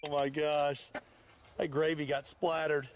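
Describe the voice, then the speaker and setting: An American man talking casually and excitably as he hosts an unscripted outdoor demonstration. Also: a little high, unhurried. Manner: excitable, exclaiming. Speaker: host of a shooting video. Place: outdoors at a shooting range.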